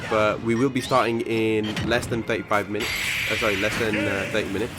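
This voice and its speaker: A man with a fairly low voice hosts a live game tournament stream and chats casually with his viewers. He rambles, fills pauses with ums and uhs, and corrects himself mid-sentence. Loud game music plays behind him. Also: little pitch movement. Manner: rambling, frequent fillers and self-corrections.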